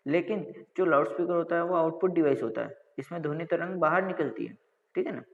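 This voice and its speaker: Fast and creaky, with a fairly high pitch, a man lectures on technical subjects at a college, answering questions he raises himself and often making sure listeners follow. The audio is dull, lo-fi, and drenched in long reverb.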